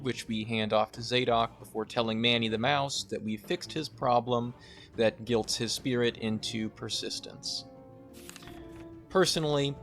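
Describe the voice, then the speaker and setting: A young man giving a scripted but conversational narration as a video game essayist. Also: medium pitch. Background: music.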